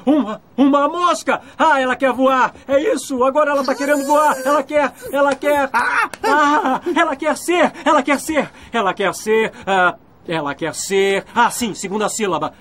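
Earnest young groom, rapid and eager, slight hiss behind the voice. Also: male voice, high voice. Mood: excited guessing. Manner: rapid excited guessing. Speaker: groom guessing a mime. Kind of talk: dubbed film acting.

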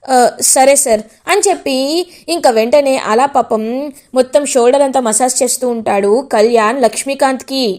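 A woman storyteller retelling the plot of a television serial in an animated way. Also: sits high, a little fast.

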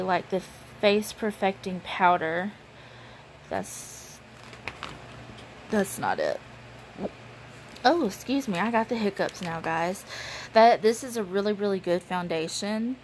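A woman's voice: medium pitch, slight background noise, rough recording. A woman, chatting casually through a show-and-tell vlog with lots of ums. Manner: chatty, relaxed, many ums. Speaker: beauty vlogger.

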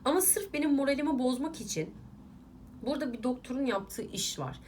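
Young woman vlogger, animated rant, slightly high voice, faint room hiss. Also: fairly quick. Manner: irritated, emphatic, ranting to viewers. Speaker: beauty vlogger. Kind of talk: casual vlog rant while doing makeup.

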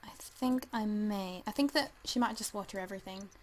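A woman's voice: medium pitch, brisk, a little hiss or hum, rough recording. A woman casually commenting as she plays a life simulation game, chatty and hesitant, full of ums, and talking to the game characters. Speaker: let's play gamer.

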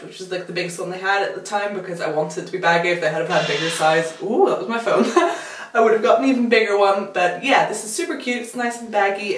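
Chatty woman in echoey room. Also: mid-range voice. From United Kingdom. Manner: chatty, giggly, many fillers. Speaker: vlogger. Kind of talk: casual haul video. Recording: echoey room, faint noise.

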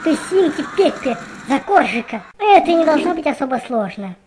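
A woman's voice: high voice, brisk. A woman voicing a bossy, brash, foul-mouthed young female cat in a parody cartoon with a noisy soundtrack. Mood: brash, confident. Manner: brash, slangy, excitable.

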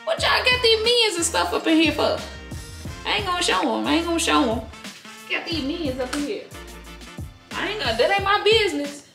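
A woman voicing a nosy, chatty old grandmother in a high, questioning voice. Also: animated, moderate pace, vocal fry, long pauses, roomy sound, over music, exaggerated voice. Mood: teasing. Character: nosy old grandmother visiting, loud and gossipy. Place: indoors in a house.

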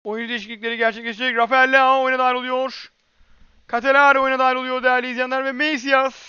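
Screaming high-pitched male football commentator. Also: fast talker, clean tone, dry recording, highs cut off. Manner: excitable, screams player names at big moments. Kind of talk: live football play-by-play commentary.

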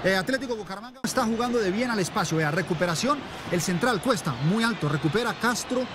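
A man's voice: sits high, lively intonation, fast talker. A man giving explanatory, emphatic tactical commentary as a football analyst. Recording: broadcast over noisy stadium ambience.

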